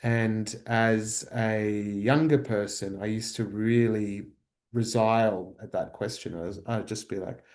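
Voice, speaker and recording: A man's voice: fairly low pitch, fairly even intonation, unhurried, a little mellow. A man, a researcher, talking reflectively in a workshop, thoughtful and searching, with many fillers and restarts. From Australia.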